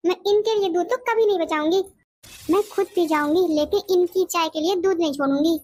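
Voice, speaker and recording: A woman's voice: very high voice, a little fast, darkish tone. A woman voicing a blunt, defiant elder daughter-in-law in a cartoon. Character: defiant sharp-tongued young daughter-in-law. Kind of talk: cartoon voice acting.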